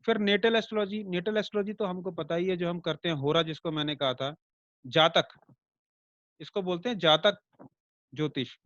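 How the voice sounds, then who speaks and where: A man with a high-pitched voice teaches an online astrology class in a chatty way. He checks in with rhetorical questions and makes his points through homely comparisons. The recording is dry and a little dull and lo-fi. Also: fairly even intonation, fast, few pauses, no room sound. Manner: conversational, with rhetorical check-ins to students; explains by everyday comparisons and light jokes.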